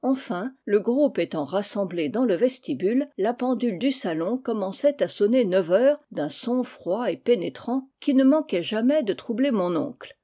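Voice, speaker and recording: A woman narrating an audiobook of a humorous novel in an even, measured reading. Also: mid-range voice. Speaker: audiobook reader.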